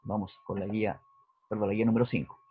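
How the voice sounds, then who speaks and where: Teacher explaining over tinny audio. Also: male voice, lowish voice, steady tone, fast talker. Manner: explanatory, checks in with "¿cierto?" and "¿ya?". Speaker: physics teacher. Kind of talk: recorded lesson walkthrough. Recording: dry, husky, phone-like narrowband audio.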